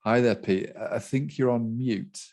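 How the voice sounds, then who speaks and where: A man's voice: medium pitch, normal speed, gravelly, darkish tone. A man hosting an online event, heard over a video conference call, talking loosely with many fillers. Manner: loose, filler-heavy talk. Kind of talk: casual live-stream hosting.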